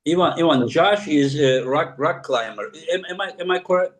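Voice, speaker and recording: A man's voice: a little high, lively intonation, normal speed, low-quality recording. A man with a Turkish accent hosting a casual video-call chat, friendly and repeating himself as he restarts sentences. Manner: friendly, talks in repeats and restarts, laughs often. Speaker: host.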